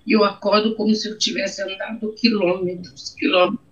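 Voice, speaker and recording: In this interview testimony, a middle-aged Brazilian-accented woman recounts her personal experience with emotion, circling back to the same phrases. Her voice sits at medium pitch with little movement and runs a little fast. The recording is muffled and dull.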